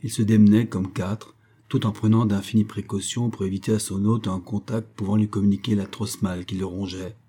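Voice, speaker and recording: A man narrating a classic novel in a measured, even storytelling delivery. His voice is low and dark, with a husky grain running through it. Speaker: audiobook narrator.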